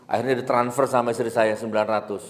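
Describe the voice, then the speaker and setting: A male preacher, telling stories in a sermon and swinging between loud exhortation and hushed asides. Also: mid-range voice, little pitch movement, fast talker. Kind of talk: storytelling sermon. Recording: echoey hall with long reverb.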